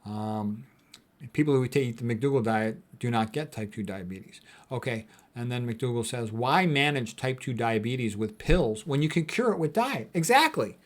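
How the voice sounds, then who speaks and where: A physician gives an informal lecture, reacting to quotes bluntly, dismissively and colloquially while hammering his points home through repetition. His mid-range voice is animated and moderately paced.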